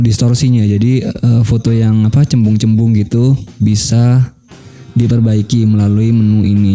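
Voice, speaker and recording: A young man talking through a photo editing tutorial in a relaxed way, thinking aloud with many fillers. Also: medium pitch. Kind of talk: casual screen-recorded tutorial.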